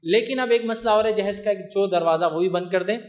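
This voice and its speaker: A man lecturing an audience on a religious topic, lively, with rhetorical questions and teasing humor. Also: high voice.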